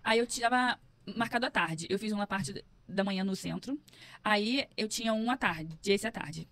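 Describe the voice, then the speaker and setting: A carioca woman with a mild stammer tells her story openly as a podcast guest, now and then acting out what she once said. Her pitch sits in an ordinary middle range. The studio sound is dry and close. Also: normal speed, a bit bright, dry recording. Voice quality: mild stammer, occasional blocks on words. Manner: frank storyteller, reenacts her own past remarks. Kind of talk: casual interview chat.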